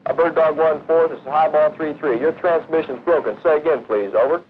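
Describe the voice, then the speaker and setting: A man's voice: a little high, a little fast. A man as a businesslike attack pilot, speaking clipped military procedure over a helmet radio. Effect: helmet radio transmission. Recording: muffled vintage film, radio noise, music behind.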